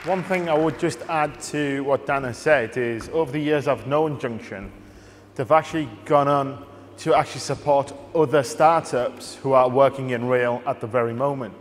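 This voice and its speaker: A man's voice: medium pitch, moderate pace, some chatter behind, a little hiss or hum. A man hosting an event on stage, linking between presentations and introducing speakers. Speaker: event host. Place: large dark theatre stage, indoors. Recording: hall reverb from a stage.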